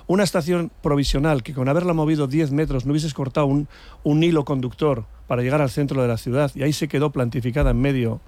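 In a casual, opinionated political debate, a male panelist argues indignantly and emphatically, repeating words for effect. He talks fast in a steady, medium-pitched, darkish voice, and the recording is dry.

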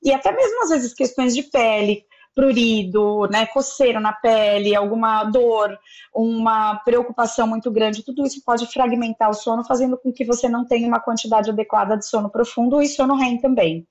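A woman doctor calmly explaining sleep advice step by step as an interview guest. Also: on the high side, normal speed. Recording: slightly dull, muffled audio.

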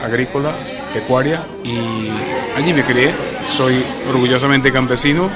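Venezuelan man, measured and earnest, flat even pitch, music playing under him. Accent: Venezuelan Spanish. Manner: earnest, measured, pauses to find words. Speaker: interviewee, community association member. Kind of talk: radio interview.

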